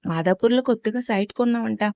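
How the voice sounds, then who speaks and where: A woman's voice: on the high side, fast talker, gravelly, dark tone, no room sound. A woman voicing a swaggering male thug who threatens and mocks in a storybook reading. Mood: menacing. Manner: mocking, threatening. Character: cocky menacing male thug, swaggering henchman.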